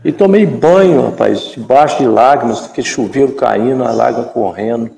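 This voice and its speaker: A man from Brazil in his fifties, a former footballer and guest in a live chat, telling a story in an animated way and acting out the dialogue. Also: mid-range voice, moderate pace, vocal fry. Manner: animated storyteller who acts out quoted dialogue. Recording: echoey room with long reverb.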